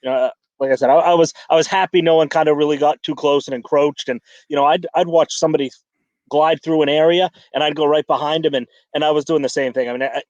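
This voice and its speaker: A man's voice: fairly high pitch, fairly even intonation, fast talker, a little mellow, no room sound. A man chatting casually on a fishing podcast, rambling with many restarts and fillers. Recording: dull lo-fi dry sound.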